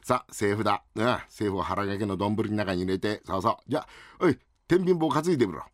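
A man voicing a bossy older uncle who runs a greengrocer, scolding in rough old-fashioned speech, in rakugo storytelling. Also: on the low side, a little fast, no echo, studio quality, lightly acted.

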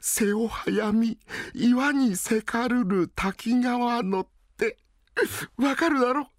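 A man's voice: very high-pitched, slow, no room sound, studio quality, pitched above the performer's own voice. A man in a rakugo storytelling voicing a bashful, lovesick young merchant's son who talks in a shy, whiny way. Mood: dreamy.

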